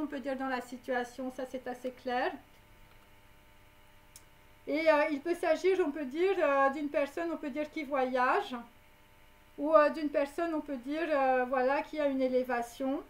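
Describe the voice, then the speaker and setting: A woman giving a psychic reading to her viewers, rambling with many fillers and tags. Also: high voice. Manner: speaks directly to viewers. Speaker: psychic reader. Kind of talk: live clairvoyant prediction.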